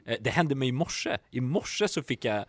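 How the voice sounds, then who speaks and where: A young man hosting a podcast, telling a story in a lively, swearing, laughing way. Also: mid-range voice, no echo, studio quality. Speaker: podcast host. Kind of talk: casual podcast chat.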